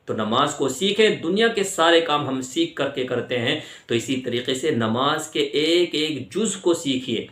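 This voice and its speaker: A man with an Indian Urdu accent gives a patient religious lesson, drawing out each word slowly so it can be copied. His voice is bright and a little high. The sound is echoey, as if recorded in a bare room. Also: expressive. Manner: patient, repeats words slowly to model pronunciation. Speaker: Islamic teacher. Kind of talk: religious instruction on prayer pronunciation.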